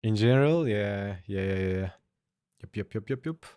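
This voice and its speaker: A young man streaming his drawing session, chatting casually and answering viewers in a relaxed, easygoing way. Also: lowish voice, measured pace, clean tone, dry recording, clean studio sound. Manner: laid-back, chatty, answers chat aloud. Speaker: art streamer. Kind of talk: casual livestream chat while drawing.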